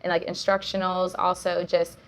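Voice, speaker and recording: A woman's voice: on the low side, flat delivery, moderate pace, a crowd in the background. A young woman, a jiu-jitsu coach, talking as a guest in a casual chat, upbeat and full of fillers and laughs.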